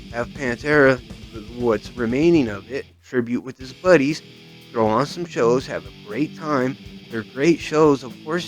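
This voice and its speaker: A man rants at length in a casual, profane way, circling back on himself and filling the gaps with "you know what I mean". His voice sits at an everyday middle pitch. Faint music plays low behind him. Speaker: guitar vlogger. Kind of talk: casual rant to camera.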